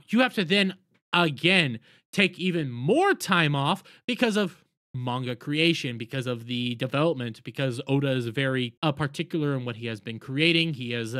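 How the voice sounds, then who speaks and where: A man's voice: mid-range voice, a bit bright, no room sound, studio quality. A man delivering an opinionated commentary rant, indignant and emphatic, repeating phrases for stress. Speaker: commentary video host.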